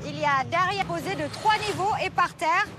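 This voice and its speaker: A woman's voice: extremely high pitch, normal speed. A woman refereeing and announcing challenges as the host of a game show, outdoors. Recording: music behind the voice.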